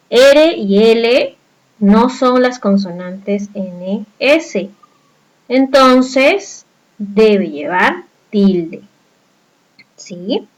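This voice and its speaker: A woman's voice: fairly high pitch, low-quality recording. A woman teaching a grammar lesson, explaining patiently and asking her listeners rhetorical questions.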